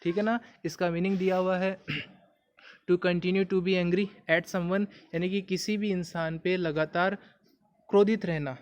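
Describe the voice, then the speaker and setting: A man with a fairly high voice and a Hindi accent, teaching English idioms. He explains patiently, repeats each point, and turns to the viewer with questions. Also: flat delivery, takes it slowly. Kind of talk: explaining idioms in a video lesson.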